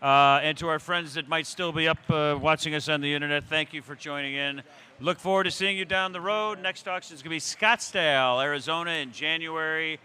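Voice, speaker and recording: A man's voice: fairly high pitch, fairly even intonation, a little fast, pushed and bright, clear, resonant tone. A man announcing lots and addressing the bidders at an auction.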